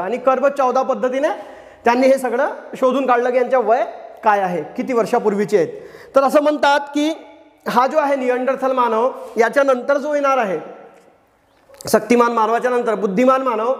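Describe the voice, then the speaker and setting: A man's voice: very high voice, long reverb tail. A man teaching a history lesson. He speaks with a Marathi accent, keeps asking the class questions, answers them himself and repeats the key words. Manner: often adds a tag question. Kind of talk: classroom lecture.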